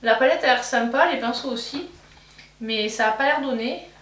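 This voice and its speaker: This is a woman with a slightly high voice speaking at a moderate pace, recorded from far off. A beauty vlogger, she chats casually during her makeup routine, thinking aloud and rambling with many fillers, restarts, and self-corrections. Expect room echo, off-mic placement, and a faint hum.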